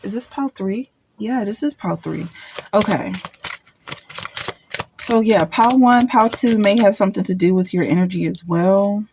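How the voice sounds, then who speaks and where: Halting woman reading tarot cards. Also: mid-range voice, a little mellow, slight background noise. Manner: thinks aloud, halting, repeats and restarts words. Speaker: tarot card reader. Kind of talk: casual pick-a-card tarot reading.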